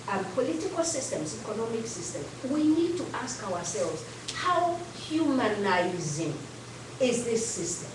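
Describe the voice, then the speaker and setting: Kenyan woman speaking in an echoey hall. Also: on the high side. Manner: earnest, emphatic, with frequent fillers and "so forth". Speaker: guest speaker, educator and activist. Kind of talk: public talk to a community audience. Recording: echoey hall, distant mic, background noise.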